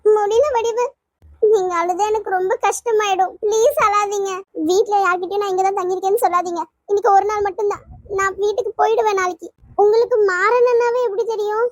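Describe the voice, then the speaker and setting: A woman voicing a tearful, heartbroken young woman in a cartoon, pleading and sobbing softly. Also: extremely high pitch, fairly even intonation, a little fast, no echo, clean studio sound. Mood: sad pleading. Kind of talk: cartoon voice acting.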